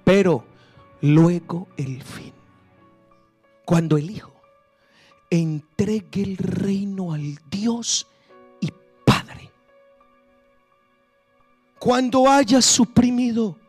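A man pastor preaching a sermon, dropping to hushed, slow phrases and then rising to shouted bursts. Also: sits high, breathy edge, faint music behind.

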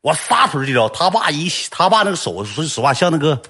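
A man with a Northeastern Chinese accent tells a comic story, slangy and animated, with sound effects mixed in. His voice sits a bit high and swings widely. Faint music plays underneath. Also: a little fast.

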